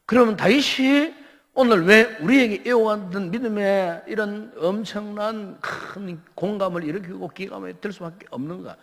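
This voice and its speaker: A male pastor with a Gyeongsang Korean accent preaching a Friday prayer meeting sermon, emphatic, with rhetorical questions and dramatic pauses. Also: high-pitched, gravelly. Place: church sanctuary. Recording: reverberant church sanctuary.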